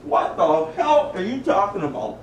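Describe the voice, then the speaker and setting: A man's voice: high-pitched, sing-song, moderate pace, slight background noise. A man playing an overexcited wrestling superfan in a mockumentary, gushing in a fanboy way. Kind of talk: mockumentary acting.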